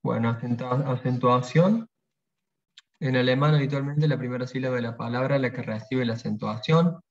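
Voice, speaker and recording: A man leads a pronunciation workshop. He talks in a calm, explanatory way and says each example word twice. His voice sits at a middle pitch, and the recording sounds muffled and lo-fi. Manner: patient, explanatory, pauses to repeat example words. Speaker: language workshop teacher. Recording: dull lo-fi sound.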